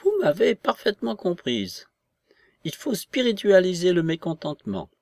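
A man voicing an excitable, fanatical old aristocratic woman in a read-aloud novel. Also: high-pitched, normal speed, creaky, no echo, studio quality, pitched above the performer's own voice, full character voice. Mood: insistent. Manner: agitated, exclaiming, insistent.

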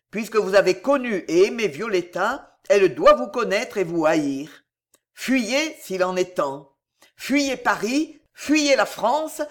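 An audiobook reader voicing a tormented cardinal who issues grave, impassioned warnings. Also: medium pitch. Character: grave older man, a doomed tormented cardinal. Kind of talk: audiobook character voice.

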